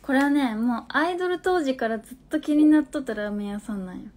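Twenties woman w/ hakata accent, a bit high voice, chatting on a phone live stream, reads comments out + answers, soft whispery asides sometimes. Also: expressive, fast talker. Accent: Hakata dialect of Fukuoka. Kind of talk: casual live-stream chat.

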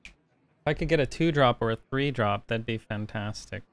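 A man's voice: mid-range voice, normal speed, smooth, no room sound. A man streaming a card game, chatting casually and thinking through his moves aloud with plenty of fillers. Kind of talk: casual gameplay commentary.

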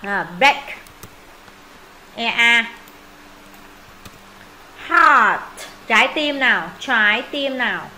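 A woman's voice: on the high side, animated, extremely slow, long pauses, pushed and bright, slight background noise, low-quality recording. A woman teaching English pronunciation in Vietnamese, modelling words, repeating them for students and thinking aloud when unsure.

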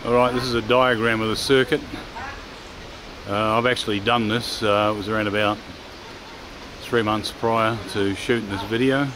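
A man with a lowish, fairly monotone voice narrates a travel vlog while walking around an outdoor park. He talks in a matter-of-fact, unhurried way, filling gaps with "uh", and clear outdoor background noise runs under his voice. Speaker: travel vlogger. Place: outdoors at a forest waterfall park. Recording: noisy outdoor ambience.

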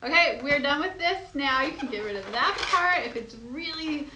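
A bubbly young woman with a high, bright voice walks through balloon twisting step by step, laughing often and gushing over how cute things look. Her voice rings in an echoey room. A steady hiss of noise sits behind her. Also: normal speed. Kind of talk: step-by-step tutorial.

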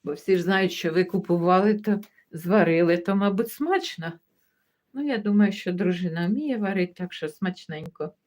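Over lo-fi audio, a woman with a lowish voice hosts a relaxed livestream. She reads out comments from viewers and greets them by name one by one, warmly and with frequent laughter.

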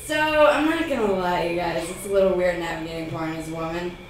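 A young woman with a fairly low voice does a profane stand-up set at a fairly quick pace, laughing through her punchlines. She's on a comedy club stage before a live audience, captured by a distant mic in an echoey room with audience noise.

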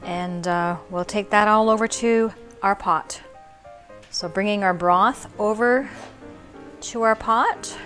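A woman's voice: medium pitch, slow, fairly bright tone, soft background music. A middle-aged woman hosting a cooking show in her home kitchen, explaining each step in a friendly way with a few fillers. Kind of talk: cooking demonstration.

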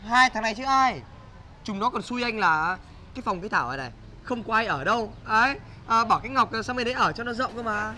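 An actor playing a rowdy young man with a Northern Vietnamese accent, who pleads and scolds in a fast, overdone way. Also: high voice, animated, sharp tone, slight background noise, exaggerated voice. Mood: pleading. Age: young adult. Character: rowdy young guy, melodramatic and blunt. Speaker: actor in comedy sketch.

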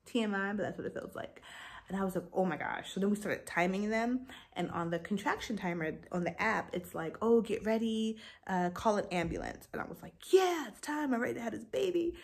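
Young woman venting her birth story. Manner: animated, jumps to high pitch when retelling frustration. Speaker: vlogger. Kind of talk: casual storytelling vent.

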